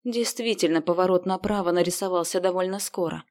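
A woman narrating an audiobook in an even storytelling manner. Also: fairly low pitch, a little fast. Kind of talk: scripted narration.

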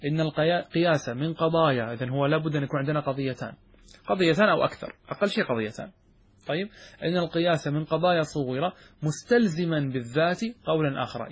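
A man's voice: on the high side, husky. A man, a sheikh, giving a classroom lecture on a classical logic poem. He quizzes his students with questions and then answers them himself. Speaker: sheikh teaching a logic text.

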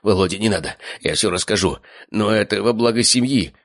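A man's voice: medium pitch, sing-song, brisk, creaky, slightly rough, no room sound, clean studio sound, voice pushed up, exaggerated voice. A man voicing a cowardly, lying, heavyset middle-aged uncle who talks in a whiny, pleading way. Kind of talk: audiobook character voice.

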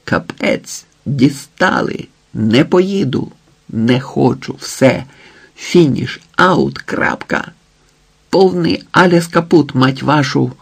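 A raging jealous husband in an audiobook, yelling coarse accusations, as a male narrator puts him on. The voice is gravelly and a little husky, and the words come out slow and heavy. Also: mid-range voice, full character voice. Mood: furious. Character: furious jealous husband, young adult man.

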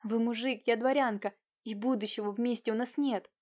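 A woman's voice: fairly high pitch, fairly even intonation, normal speed, a little mellow, close to an everyday voice. Proud naive young noble girl in a storybook, nervous clipped replies, cold, read by a woman.

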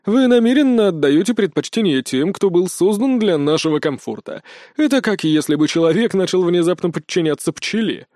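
A man's voice: high voice, lively intonation, fairly quick, hardly any pauses, darkish tone, no room sound, studio quality, voice pushed up. A man voicing an arrogant, menacing Norse trickster god who mocks and snarls at his foes. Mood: arrogant mocking. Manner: mocking, snarling.

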